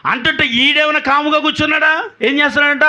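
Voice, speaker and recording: A pastor from Andhra Pradesh preaches a sermon and keeps calling the congregation to answer him. His voice is very high and sharp, with a bright, tense ring. He speaks in a call-and-response manner. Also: steady tone, quick pace.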